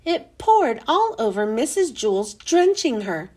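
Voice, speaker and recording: A woman reading a children's chapter book aloud with expressive, animated storytelling. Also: fairly high pitch, unhurried.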